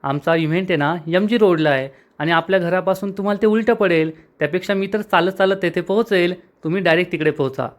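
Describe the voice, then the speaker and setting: A man's voice: sits high, fast talker, hardly any pauses, close to an everyday voice. A man reading the lines of a polite, stubborn young woman employee in a soap recap. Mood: polite, firm.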